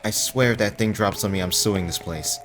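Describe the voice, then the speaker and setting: A man's voice: lowish voice, brisk, background noise, natural voice. Jumpy wisecracking young guy, as a narrator puts him on. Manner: nervous joking, slangy, often whispered.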